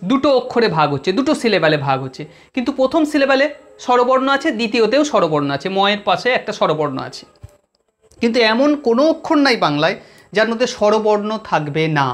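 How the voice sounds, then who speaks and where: West bengal accent teacher going over grammar slowly, keeps repeating the key words, talks right to the students. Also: mid-range voice. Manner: deliberate, repeats key terms, addresses students directly. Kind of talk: explanatory exam-prep lesson.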